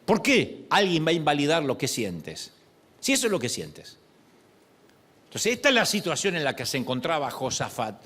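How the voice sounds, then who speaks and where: Animated pastor preaching. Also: male voice, fairly high pitch, moderate pace. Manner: expressive, acts out quoted prayers and voices. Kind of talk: sermon.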